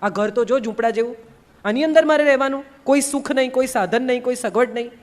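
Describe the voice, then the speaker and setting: Tearful young bride, plaintive and high, a woman speaker putting her on. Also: fast, close to an everyday voice. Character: tearful young bride, complaining then devoted.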